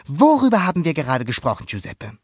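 Young sea monster boy voiced by a man, storybook voice, high-pitched, hasty, dry close sound. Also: big pitch swings, moderate pace, dry recording. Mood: eager. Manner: hasty, breathless eagerness. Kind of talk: storybook character voice.

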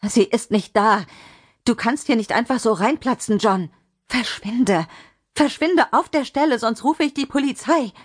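A woman voicing a small, sharp-tongued middle-aged woman who shouts commands in a strong voice. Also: on the high side, unhurried, voice pushed up. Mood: frightened commanding. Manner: loud, scolding, strong-voiced.

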